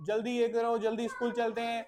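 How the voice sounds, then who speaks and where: A woman's voice: on the high side, level tone, a little fast, darkish tone. A woman teaching a classroom of children, patiently repeating short phrases and drilling them again and again. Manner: patient, repetitive drilling, calls pupils "beta". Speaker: English teacher. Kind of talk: classroom phrase lesson mixing Hindi and English.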